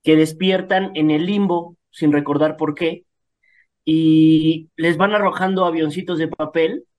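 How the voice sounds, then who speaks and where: A man's voice: fairly high pitch, steady tone, unhurried. A man from Mexico City, an actor and director, explaining a play in an interview. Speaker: theater actor and director, guest.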